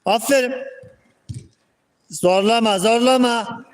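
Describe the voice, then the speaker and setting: A man coaching young football players from the sideline, calling out terse commands and quick praise. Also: very high-pitched, slight background noise. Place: outdoor football pitch.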